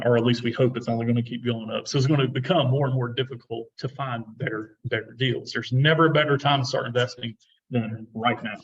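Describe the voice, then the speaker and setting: A man's voice: medium pitch, distant mic, muffled recording. A middle-aged man who works as a real estate investor, giving casual, encouraging advice and often repeating his words.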